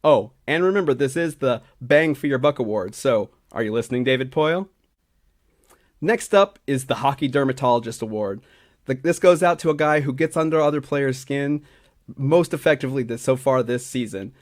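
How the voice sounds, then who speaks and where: A man of middling pitch reads through a scripted list of season awards as a regular on a hockey show. His delivery is steady and packed with numbers, with the odd slip and restart. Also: moderate pace. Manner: steady, stat-heavy delivery with small slips and restarts. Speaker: hockey analytics writer and podcast regular. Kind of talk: reading a scripted awards segment.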